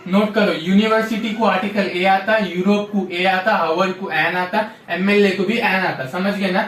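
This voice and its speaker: High-voiced man teaching grammar, echoey room. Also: steady tone, moderate pace, fairly bright tone, recorded from a distance, slight background noise. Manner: repetitive, drills rules with frequent "samjhe?" check-ins. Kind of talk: classroom-style grammar lesson.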